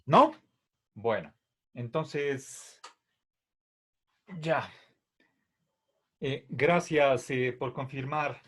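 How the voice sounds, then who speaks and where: A man's voice: mid-range voice, drawn-out words, pauses often, a bit bright, breathy edge. A man teaching a philosophy class, explaining terms patiently with many fillers and checks for understanding. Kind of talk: online philosophy lecture.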